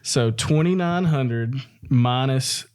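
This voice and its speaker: A man's voice: medium pitch, slow, a little mellow, smooth. A young man, co-hosting a podcast in casual, rambling chat and laughing often. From American South. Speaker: podcast co-host.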